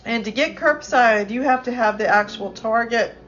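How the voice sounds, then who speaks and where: A woman's voice: fairly high pitch, normal speed, fairly bright tone, highs cut off. Chatty woman rambling on a phone stream. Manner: rambling, chatty, many restarts. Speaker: live streamer. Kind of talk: casual chat.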